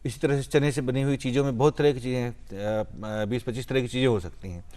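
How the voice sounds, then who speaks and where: Man, doctor guest, mid-pitched, halting explanatory delivery. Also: steady tone, dark tone. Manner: explanatory, hesitant fillers. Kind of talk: studio health advice.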